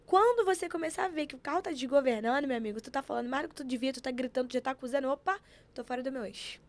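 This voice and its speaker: A woman telling stories in an animated, preachy way, acting out quotes as she chats on a podcast. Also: sits high, rapid-fire. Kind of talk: casual chat.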